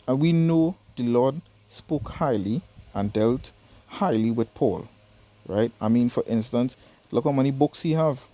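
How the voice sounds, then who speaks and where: A Trinidadian man with a warm, mid-range voice and a Trinidadian accent reads Bible verses aloud, then explains them. His teaching style is casual, and he keeps checking in with "right?" and "you understand?"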